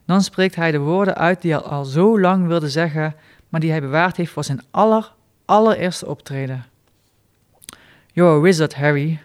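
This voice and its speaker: A man reading his short stories aloud in a dry, deadpan way, with small spoken asides. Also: a little high, moderate pace, clean tone.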